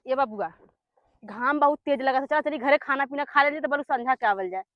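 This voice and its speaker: Scolding village wife, comedy: actress with very high, piercing voice, nagging, exasperated, eastern UP Awadhi accent, dull lo-fi sound. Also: female voice, normal speed, no room sound, close to an everyday voice. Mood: weary complaint. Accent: eastern Uttar Pradesh, Awadhi-Bhojpuri. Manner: loud, nagging, complaining. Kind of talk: rural comedy sketch acting.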